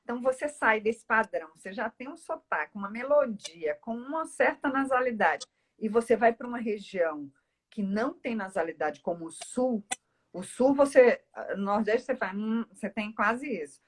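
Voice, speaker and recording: Animated and husky, with a higher pitch and normal speed, a woman from Northeast Brazil speaks with a Brazilian accent. As a speech therapist and interview guest, she explains things casually and at length.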